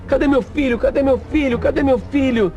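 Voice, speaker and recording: A man's voice: very high voice, a little fast, warm tone, dull audio, faint music behind, voice pushed up. A man voicing a frantic father who urgently and repeatedly calls out for his son.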